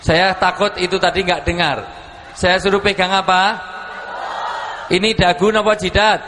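Playful Javanese preacher on a loud PA. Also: male voice, high voice, fairly even intonation, moderate pace, in a large hall, noisy background. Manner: playful, teasing the audience with call-and-response; mixes Indonesian and Javanese. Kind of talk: lively religious lecture to a village crowd. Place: large venue with live audience, amplified PA.

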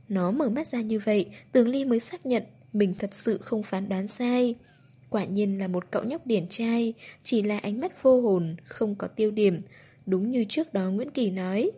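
A woman narrating a novel as an audiobook in a steady, even reading voice. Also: medium pitch, slightly rough.

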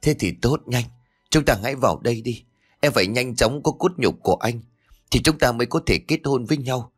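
Male reader as a scheming young man in a storybook, hurried and insistent. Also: mid-range voice, slightly rough, lightly acted. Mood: pressing.

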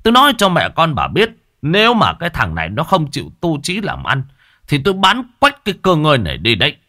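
A man playing a stubborn, furious village father who scolds his wife fast and loud. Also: a little high, wildly swooping pitch, pitched above the performer's own voice, heavily acted. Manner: scolding, rapid and shouting.

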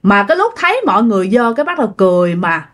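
A woman's voice: mid-range voice, big pitch swings, rapid-fire, fairly bright tone. A woman telling a ghost story in a chatty way, talking straight to her listeners. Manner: chatty, addresses listeners directly.

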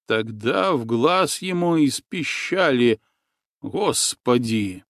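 A male narrator reads an adventure story aloud at a slow, deliberate pace, letting each phrase land. His voice sits at an ordinary pitch, and the recording is dry and close, with no room sound. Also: dry recording. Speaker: audiobook narrator. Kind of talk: scripted narration.

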